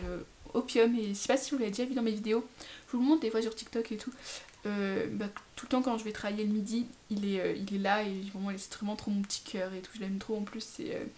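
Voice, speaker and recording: A woman's voice: mid-range voice, a little mellow, a little hiss or hum. A young woman casually talking about her pet products in a haul vlog, chatty and full of fillers. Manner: chatty, lots of fillers and restarts. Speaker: pet vlogger.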